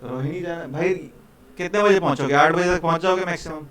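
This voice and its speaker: Casual teacher addressing a class. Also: male voice, on the high side, quick pace, a bit bright. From India. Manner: casual, repeats "ठीक है" and "भाई", coaxing students. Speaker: programming teacher. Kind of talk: live classroom lecture.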